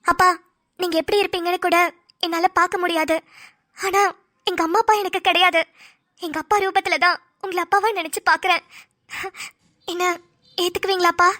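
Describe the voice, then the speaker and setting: A woman's voice: very high-pitched, fairly even intonation, fairly quick, pauses often. A woman voicing a timid pleading young bride. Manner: soft, polite, pleading. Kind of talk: cartoon voice acting.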